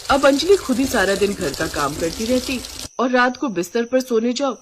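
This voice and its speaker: A woman narrating an animated family story in a brisk storytelling way. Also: fairly high pitch, noisy background.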